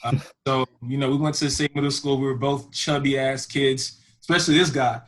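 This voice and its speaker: A young man from Houston, Texas hosts a podcast in a mid-range, steady voice at a brisk pace. The talk is casual chat, rambling and packed with fillers like "you know".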